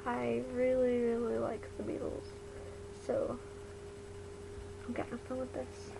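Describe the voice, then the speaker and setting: Young woman, slightly high voice, retainer-impeded speech, casual rambling vlog chat, noisy webcam audio. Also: completely flat delivery, unhurried, vocal fry. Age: young adult. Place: bedroom at home.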